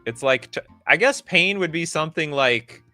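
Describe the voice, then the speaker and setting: Male streamer, animated pitch, bright tense voice, excitable, sarcastic, faint music behind. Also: normal speed. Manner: excitable, reacts loudly to chat. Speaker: streamer rating game cards. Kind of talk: live stream commentary.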